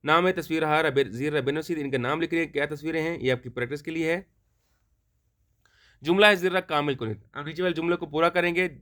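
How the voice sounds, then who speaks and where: A man teaching a Farsi lesson, reading sentences slowly for pronunciation and explaining them quickly. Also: a little high, a bit bright. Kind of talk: language lesson explained in Urdu.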